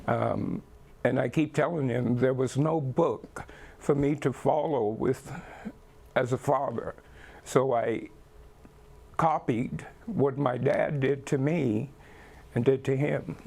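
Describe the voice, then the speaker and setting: An older man from the Bahamas speaks slowly, with a gravelly edge to his mid-range voice. He answers interview questions thoughtfully, pausing often and leaning on fillers. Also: medium pitch, darkish tone. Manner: slow, thoughtful, with many pauses and fillers. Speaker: guest.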